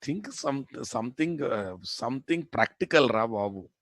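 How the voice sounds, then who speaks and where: A programming instructor with a Telugu Indian accent teaches a live class, bantering informally with students and repeating phrases and questions for emphasis. His mid-range voice has lively intonation and a moderate pace. The sound is clean, studio-like, with no echo.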